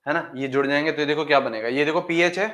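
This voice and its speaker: A man's voice: fairly high pitch, fast talker, a bit bright. A male chemistry teacher in a classroom, repeating points and asking his students questions he answers himself, calling them "beta" fondly. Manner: repetitive, calls students "beta", asks and answers own questions. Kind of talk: classroom lecture and farewell chat.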